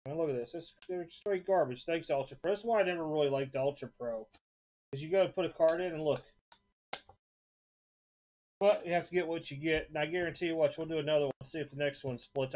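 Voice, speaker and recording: A man's voice: fairly high pitch, darkish tone. Offhand man rattling off trading cards. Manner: offhand, rattles off card names in quick lists. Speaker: card shop host previewing auction items. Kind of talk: casual live-stream chat. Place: indoor desk with card displays, off camera.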